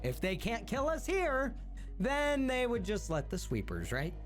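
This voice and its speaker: Animated, casual game streamer. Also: mid-range voice, a little slow, soft background music. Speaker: game streamer reading story dialogue aloud. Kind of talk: casual gaming commentary.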